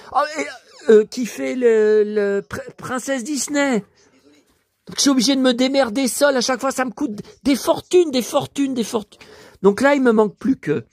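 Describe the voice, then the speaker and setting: A man with a hoarse voice chatting casually to his viewers about his purchases, grumbling and addressing them directly. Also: very high-pitched, no echo. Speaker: collector vlogger showing his purchases.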